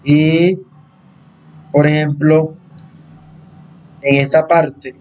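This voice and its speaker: Brief: male lecturer, slightly high voice, patient and repetitive, dull lo-fi recording. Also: flat delivery, extremely slow, a little mellow, slight background noise. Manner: explains patiently, repeats phrases and checks in with "¿no?".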